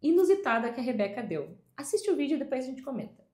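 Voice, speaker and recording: A woman with a Brazilian Portuguese accent explains a language point in a video lesson, speaking patiently and clearly and drawing out example words slowly. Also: high-pitched, big pitch swings, a little mellow. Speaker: English teacher. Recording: roomy echo.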